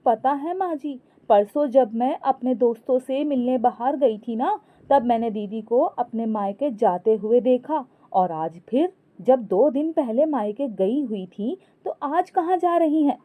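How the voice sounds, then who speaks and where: A woman's voice: a little high, expressive, measured pace, narrow, tinny audio. A woman voicing a sly young daughter-in-law who needles sweetly. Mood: tattling.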